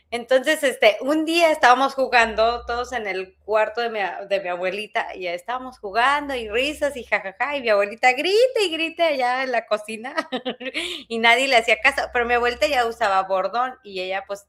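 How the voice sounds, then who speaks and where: A woman's voice: medium pitch, fairly bright tone. A woman co-hosting a podcast, chatting casually and animatedly, laughing often and acting out voices as she tells stories. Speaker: podcast co-host. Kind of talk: casual storytelling chat.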